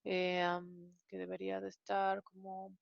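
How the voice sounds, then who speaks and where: A woman's voice: medium pitch, monotone, a little slow, gravelly, no room sound, highs cut off. A woman teaching a programming lesson, explaining step by step with frequent hesitant fillers. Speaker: programming instructor. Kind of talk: online coding lesson walkthrough.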